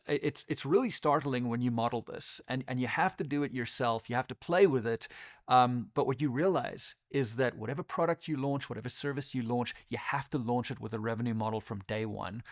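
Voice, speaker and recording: A man and company co-founder giving business advice in a relaxed, conversational way, with fillers and restarts. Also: medium pitch, dry recording, clean studio sound. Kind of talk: casual talk to camera.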